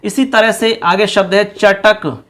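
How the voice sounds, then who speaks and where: A man's voice: high voice, measured pace. A male teacher explaining a lesson to students, repeating each word and quizzing them as he goes. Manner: repeats words, quizzes the class; sings a line of a song.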